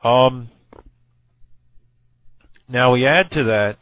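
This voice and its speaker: A man arguing over scripture with a halting, self-correcting delivery full of fillers. His voice is going hoarse. The sound is dry and tinny, like a phone line. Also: mid-range voice, dry recording. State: losing his voice. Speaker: Bible debater. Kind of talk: recorded argument addressed to another person.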